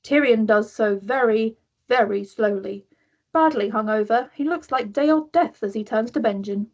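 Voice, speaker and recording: The narrator is a woman voicing screenplay directions at a table read; her tone is a little high, with a husky, breathy texture, as she tells the story in scripted fashion. She keeps a moderate pace, and the sound is dull.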